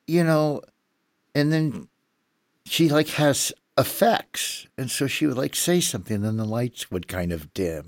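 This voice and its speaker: A man chatting casually and telling stories, animated and laughing often. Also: fairly low pitch, no echo, clean studio sound. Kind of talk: casual chat.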